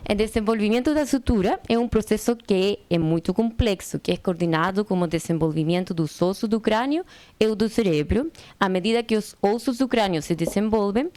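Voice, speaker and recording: A woman's voice: mid-range voice, darkish tone, no room sound. A non-native Portuguese-speaking woman with a foreign accent, carefully reading out a formal medical lecture with small stumbles. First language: not Portuguese. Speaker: medical presenter. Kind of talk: scripted medical lecture, read aloud.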